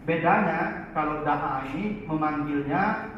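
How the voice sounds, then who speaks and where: A man teaching in a lively Quran study lecture, often turning to his listeners. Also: on the high side, measured pace. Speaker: religious teacher. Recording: echoey far-off hall, dull lo-fi, faint noise.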